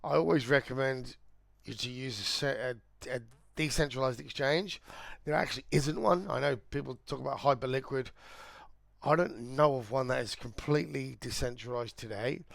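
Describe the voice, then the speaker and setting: A man with a croaky voice, talking casually and rambling while he walks through charts on a live trading stream. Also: medium pitch, normal speed, fairly bright tone, no echo. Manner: chatty, rambling, thinking aloud. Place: indoors, air-conditioned room.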